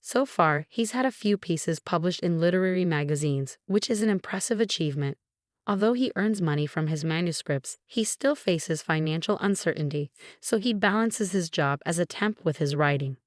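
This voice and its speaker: A woman narrating a first-person drama story in a steady, measured reading voice. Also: lowish voice, dry recording, studio quality. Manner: even, measured reading of all characters in one voice.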